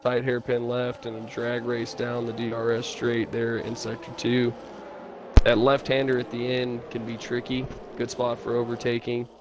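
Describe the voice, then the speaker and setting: A man doing relaxed live commentary on a sim racing stream, chatting and reading chat messages aloud. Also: medium pitch, normal speed, loud music behind the voice. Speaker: race commentator. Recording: stream audio with clear background noise.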